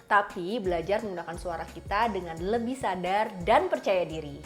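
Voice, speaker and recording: A woman's voice: medium pitch, normal speed, soft background music. Casual podcast co-host, woman, slangy and explanatory. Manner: explains with demonstrations, relaxed slangy delivery.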